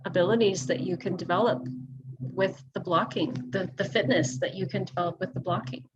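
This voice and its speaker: A woman fitness instructor talking casually and thoughtfully, pausing with ums as she explains her clients. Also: fairly low pitch, steady tone, dull audio, background noise. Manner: thoughtful, restarts often with ums. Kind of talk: casual conversation.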